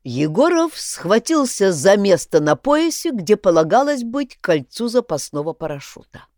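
A woman reads a comic story aloud, her pitch leaping around widely. She reads expressively and performs every character. The recording is dry and close. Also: measured pace, dry recording. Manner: expressive, performs all the voices. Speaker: narrator. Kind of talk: storybook reading.

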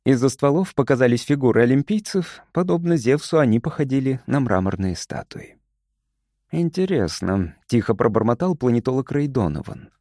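Male narrator, scripted storytelling: mellow and animated, dry close sound. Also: medium pitch, dry recording. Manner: expressive, measured storytelling. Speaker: audiobook narrator.

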